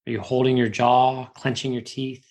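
A man leads a guided relaxation, speaking slow, soothing instructions with long pauses between them. His voice has a gravelly, fry-laced texture at a middle pitch. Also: little pitch movement, darkish tone. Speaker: meditation guide.

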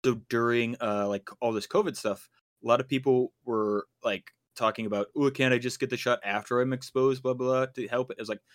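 Fairly quick and fairly even in intonation, this podcast co-host has a medium-pitched voice. His chat is casual and rambling, dotted with fillers and restarts.

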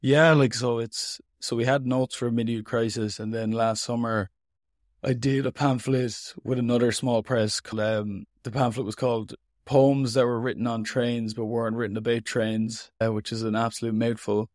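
A man's voice: medium pitch, flat delivery, normal speed, no echo, studio quality. A man with an Irish accent giving an interview as a writer, talking in an informal, rambling, reflective and self-deprecating way. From Ireland. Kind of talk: casual, reflective interview talk.

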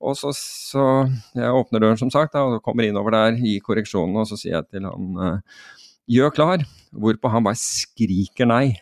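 Man, from Norway, gravelly, low voice, dry studio sound, animated anecdote. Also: dry recording. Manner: animated, many restarts and fillers. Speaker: podcast guest telling a skydiving story. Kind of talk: casual storytelling.

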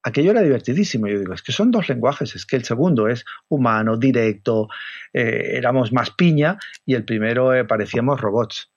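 A man with an accent from Spain, a communication trainer being interviewed, explaining in a lively way and acting out example voices. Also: mid-range voice, a little fast, no room sound, dull audio. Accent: Spain Spanish. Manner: animated, acts out example voices.

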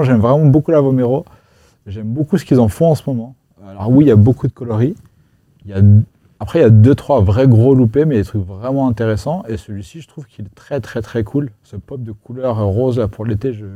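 A man talks as a panelist in a casual group chat. His voice is warm and mellow, recorded close and dry, and he sounds relaxed and enthusiastic. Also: mid-range voice, a little fast, husky, no echo.

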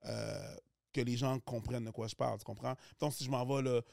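A man's voice: medium pitch, brisk, vocal fry, dry recording, clean studio sound. A man with a Québécois French accent, chatting casually on a podcast as a comedian guest and slipping into English accents. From Quebec. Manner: animated, switches into English accents.

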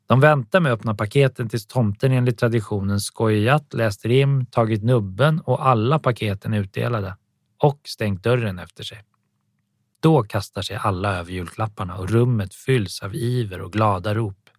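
Low-voiced man reading an audiobook. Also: dry recording, studio quality. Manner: calm, even storytelling. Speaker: audiobook narrator. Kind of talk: scripted audiobook narration.

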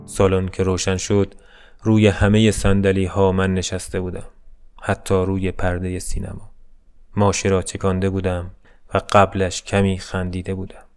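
A man narrating a scripted story in a calm, melancholy, deadpan way. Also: deep voice, clean tone. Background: faint music.

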